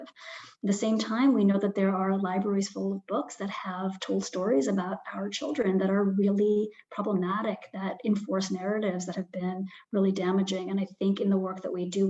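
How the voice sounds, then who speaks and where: A woman's voice: medium pitch, mellow. A woman publisher speaking on a panel, thoughtful, with frequent ums and restarts. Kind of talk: panel talk. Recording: slightly dull lo-fi sound.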